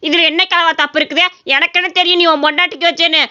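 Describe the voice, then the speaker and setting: Mouthy young village guy, woman voicing, bright high voice, talks fast and bossy. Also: level tone, muffled recording, full character voice. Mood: cheeky. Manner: bossy, mocking. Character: brash young village man, cheeky and bossy. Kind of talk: cartoon voice acting.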